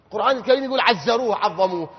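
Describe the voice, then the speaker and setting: A man with an Iraqi accent giving a religious lecture, going from quiet explanation to loud, emphatic questions. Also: high voice, expressive, rapid-fire. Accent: Iraqi Arabic. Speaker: cleric. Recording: lo-fi with long hall reverb.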